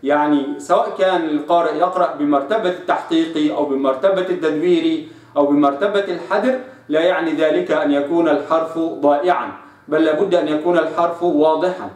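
High-voiced Egyptian man teaching recitation. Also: darkish tone. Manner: slow drawn-out sound demonstrations between explanations. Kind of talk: tajweed lesson with demonstrations. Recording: echoey room, voice a bit distant.

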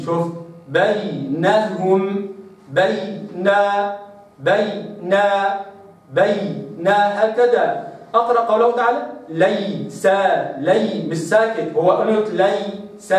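A man teaching a Quran recitation lesson, explaining quickly and then stretching words out slowly to demonstrate. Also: high voice. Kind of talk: tajweed lesson with slow demonstrations. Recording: loud echo, distant mic.

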